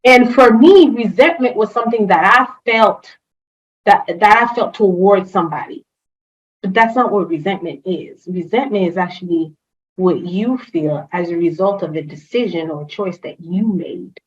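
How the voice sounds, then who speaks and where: A woman whose first language is French speaks at normal speed in a mid-range voice, captured on lo-fi audio. She's the guest in a casual interview, an HR consultant from a Haitian family who grew up with French and Creole. She comes across as enthusiastic, with plenty of fillers and restarts.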